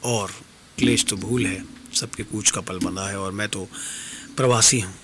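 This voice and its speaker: A man performing dastangoi, voicing a calm, detached wandering stranger who consoles the queen with measured, philosophical words. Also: on the low side, noisy background, pitched below the performer's own voice, natural voice. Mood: consoling. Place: radio studio.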